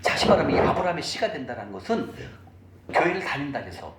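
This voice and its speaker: A man's voice: a little high, big pitch swings, fast talker. A middle-aged man giving a church finance lecture. He talks sermon-style and keeps asking the audience questions. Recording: echoey room recording with faint noise.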